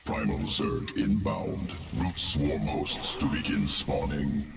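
A man voicing an emotionless alien scientist creature in a video game, gravelly, speaking in clipped, detached phrases. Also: rumbling low, expressive, slow pace, over music, exaggerated voice.

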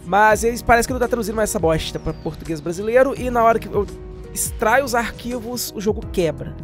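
A Brazilian man with a high-pitched voice talks fast as the host of a gaming channel. His voice-over, with music playing behind it, is casual, slangy, chatty, and full of jokes.

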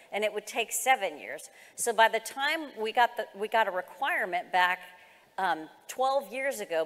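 On stage in a large, reverberant conference hall, a middle-aged American woman who works as a government executive presents a semi-formal, explanatory keynote. She speaks in a mid-range, fairly bright voice.

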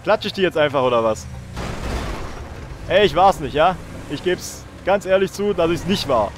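A man's voice: fairly high pitch, lively intonation, moderate pace, a little hiss or hum. A young man hosting a let's play, joking and swearing in casual commentary while talking to his viewers.

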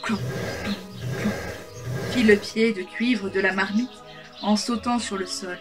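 A woman reading a fairy tale aloud in a calm, measured way. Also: mid-range voice. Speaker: storyteller. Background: soft background music.

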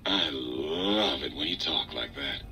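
Flirty robot plant machine from a game, super deep but sharp and bright, slow and swoopy. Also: male voice, lively intonation, heavily acted, rough recording. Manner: suggestive, boastful, rhyming patter. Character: flirty smooth-talking male botany research machine.

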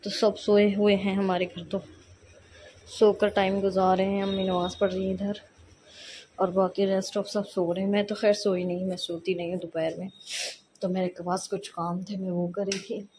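A young woman chatting quietly in a home kitchen during a cooking vlog, a little congested from a cold and often losing her words. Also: medium pitch, flat delivery, normal speed, a little hiss or hum. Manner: soft-spoken, talking quietly while others sleep; chatty, forgetful, mixes in English phrases. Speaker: vlogger. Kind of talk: casual cooking vlog chat.

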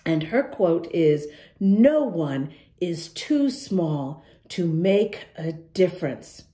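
A woman hosts children's storytime, reading a picture book aloud to young kids and speaking to them directly with encouraging, emphatic questions. Her voice is on the low side with a dark tone.

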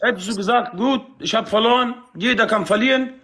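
A man's voice: high voice, brisk, echoey room, over a noisy crowd. A man in a heated group call, arguing bluntly and reproachfully and repeating his points. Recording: other voices chattering behind, call audio.

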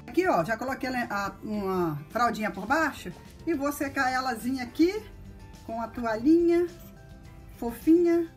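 Lively high-voiced woman cooing diminutives. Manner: coos to the baby, heavy use of diminutives. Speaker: instructor demonstrating baby care. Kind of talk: casual instructional demonstration. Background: baby crying and music.

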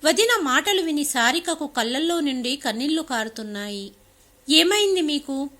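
A woman narrating a domestic family story in a steady storytelling voice. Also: high voice, moderate pace.

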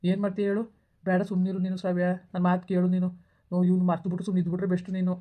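A woman's voice: lowish voice, monotone, lo-fi sound, lightly acted. A woman playing a young man who scolds and comforts a crying friend like an older brother in a village comedy skit. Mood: scolding, reassuring. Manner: scolding yet reassuring, fast and blunt.

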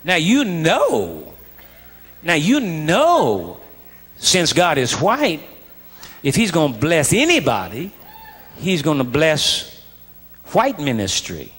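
A man preaching a live sermon as pastor, in an animated, folksy way that swings from quiet asides to shouts. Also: on the high side, takes it slowly, pauses often, slightly rough. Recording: long reverb of a large hall.

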